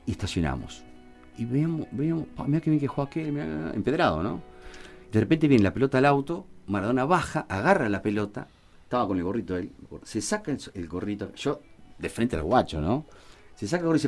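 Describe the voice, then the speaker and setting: Man, Uruguayan Spanish accent, casual storytelling, lively pitch, fillers, faint music behind. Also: fairly quick. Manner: animated, acts out quotes, many fillers. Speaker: guest telling anecdotes.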